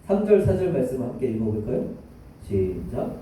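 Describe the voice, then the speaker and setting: A man's voice: mid-range voice, big pitch swings, normal speed, warm tone, a little hiss or hum. A man preaching a sermon as a missionary, earnestly addressing the congregation. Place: church hall. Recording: echoey church sound from far off.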